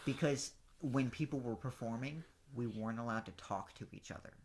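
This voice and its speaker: A man's voice: mid-range voice, normal speed. A man casually explaining a story to his co-host, step by step, often restarting. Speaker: podcast co-host.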